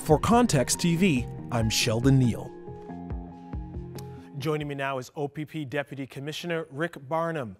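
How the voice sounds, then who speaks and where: A man's voice: a little high, normal speed, music in the background. A man hosting a news program, narrating a report and formally questioning a guest.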